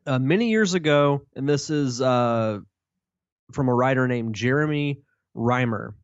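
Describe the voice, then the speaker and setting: A man's voice: medium pitch, a little slow, clean tone, dry recording. An easygoing man co-hosts a podcast, chatting along and reading out a news item. His mid-range voice comes through a dry, slightly muffled recording. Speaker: podcast co-host. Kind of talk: casual chat, reading news aloud.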